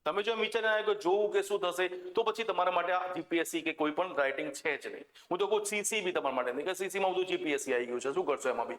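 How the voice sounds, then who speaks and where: Animated Gujarati man, exam-coaching English teacher, asks the class questions, slightly high-pitched. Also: rapid-fire, hardly any pauses. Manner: animated, coaxing and direct, often asking the class questions. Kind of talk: classroom lecture.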